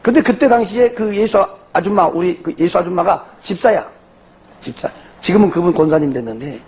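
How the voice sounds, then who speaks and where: A middle-aged man with a Jeolla Korean accent, a pastor giving a testimony sermon as animated storytelling full of rhetorical questions. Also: high voice, fairly quick, husky.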